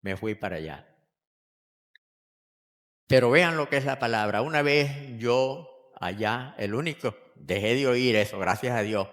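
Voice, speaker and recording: An older male pastor preaching a sermon, moving between loud emphatic lines and quiet personal storytelling. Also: mid-range voice, animated, a little slow, pauses often. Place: church hall. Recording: long hall reverb.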